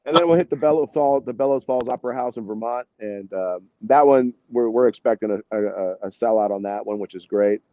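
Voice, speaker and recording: An American band musician talks briskly as an interview guest, barely pausing while he rambles and tosses in "you know" and "man." His voice sits mid-range, with no echo and the high frequencies cut off.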